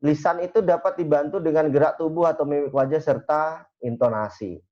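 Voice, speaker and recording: A man's voice: fairly high pitch, a little fast, mellow. A man giving a university lecture in a casual, conversational way, full of fillers. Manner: conversational, uses many fillers. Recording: dull lo-fi recording.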